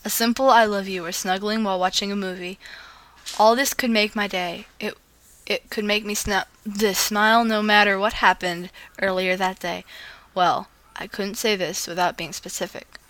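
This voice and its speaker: In a mid-range voice and at a moderate pace, a woman reads romantic fan fiction aloud with casual, amateurish expressiveness. She keeps stumbling and restarting, breaking off for gushing asides.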